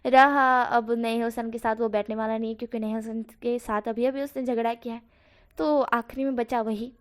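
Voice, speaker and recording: A woman's voice: a little high, level tone, normal speed, smooth. A woman casually narrating a fan fiction story in a conversational way, sometimes correcting herself.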